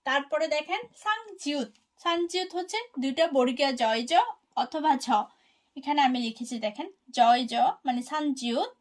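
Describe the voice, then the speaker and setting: A woman giving an online language lesson, explaining each letter and repeating example words slowly and deliberately. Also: high-pitched. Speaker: language teacher.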